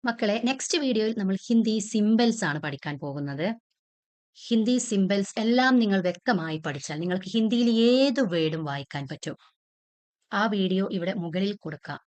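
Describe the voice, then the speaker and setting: A woman's voice: medium pitch, darkish tone. A woman teaching a patient lesson, asking questions and then answering them herself, sounding out letters one at a time. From Kerala. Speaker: Hindi teacher. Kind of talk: classroom-style lesson explanation.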